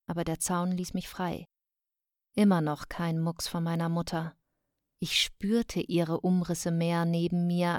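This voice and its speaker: Female audiobook narrator, lower voice, steady measured delivery, dry close sound. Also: no echo. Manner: calm, measured storytelling. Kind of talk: scripted first-person narration.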